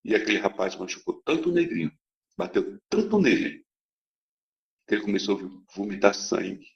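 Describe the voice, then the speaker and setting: A man's voice: lowish voice, big pitch swings, moderate pace, vocal fry. A man giving a testimony to a congregation, telling a story in a dramatic, emphatic way. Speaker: church member giving testimony. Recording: dull lo-fi recording.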